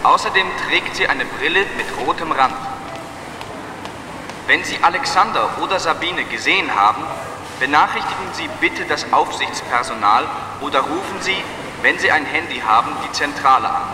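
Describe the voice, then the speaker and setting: A man making a formal public announcement over a PA system, measured and reading numbers out slowly. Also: fairly high pitch, expressive. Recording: echoey hall from far off, noisy.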